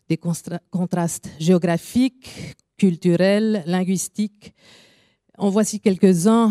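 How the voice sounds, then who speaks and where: A woman with an Italian accent, not a native French speaker, giving a careful, measured formal speech at an evening event. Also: mid-range voice, warm tone, no room sound, studio quality. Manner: careful, apologetic about her French, measured delivery with pauses. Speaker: invited speaker.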